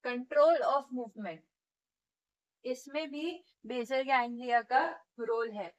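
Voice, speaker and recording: A woman with a fairly high voice teaches physiotherapy the way she would in a classroom. She explains each point patiently, one step at a time, and keeps checking in with her students. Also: drawn-out words, low-quality recording. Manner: demonstrates movements while teaching. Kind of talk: classroom lecture.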